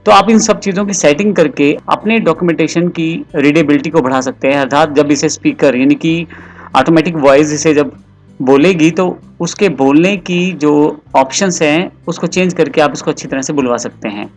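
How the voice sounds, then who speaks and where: A male computer tutor talks through a software lesson, explaining each step patiently. His voice sits a little high. Faint music plays underneath. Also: normal speed.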